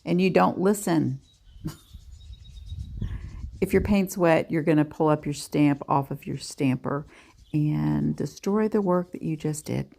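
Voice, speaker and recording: Low, gravelly, slow-talking woman vlogger. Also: warm tone. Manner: chatty, self-deprecating. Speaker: nail art vlogger. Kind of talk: casual tutorial voice-over.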